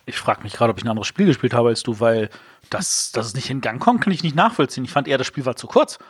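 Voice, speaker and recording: A man's voice: medium pitch, lively intonation, fast, husky, no echo. Chatty man with a dry sound. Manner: rambling, many fillers and restarts. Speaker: board game podcast co-host. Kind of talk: casual game review chat.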